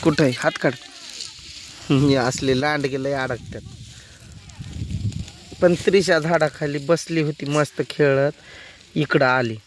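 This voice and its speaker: A man talking casually while working outdoors in a soybean field, often calling out loud instructions to children and helpers. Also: fairly high pitch, fairly even intonation, takes it slowly, long pauses, slight background noise. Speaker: vlogger at work in a farm field.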